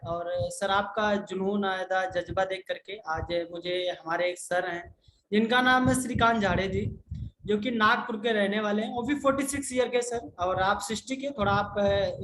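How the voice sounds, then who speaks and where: A man, a business consultant, answering viewer questions in an insistent, repetitive sales pitch and often calling the listener sir. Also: normal speed, fairly bright tone. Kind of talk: persuasive sales talk in a live Q&A. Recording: echoey room with faint noise.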